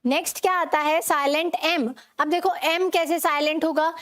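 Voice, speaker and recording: A young Indian woman teaches English pronunciation in a high, bright voice. She moves between Hindi and English, asks the class a question and answers it herself. She says each example word more than once. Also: fairly even intonation, normal speed. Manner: questions and repeats for learners, mixes Hindi and English. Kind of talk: online classroom lesson.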